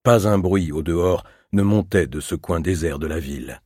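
A man reads literary fiction aloud in a calm, measured audiobook narration. His voice sits fairly low, and the recording is dry and close, with no room echo. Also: breathy edge. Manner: calm, measured, even reading.

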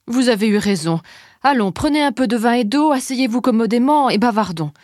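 A man doing a gentle, soothing housewife. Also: very high-pitched, expressive, fairly quick, dry recording, studio quality, voice pushed up. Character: kind, calm doctor's wife and old friend. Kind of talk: audiobook character voice.

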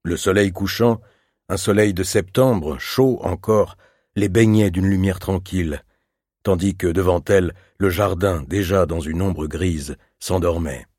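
A man narrating a classic novel as an audiobook, reading in a calm, measured and even way. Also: low voice, husky, no room sound, studio quality. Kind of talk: scripted literary narration.

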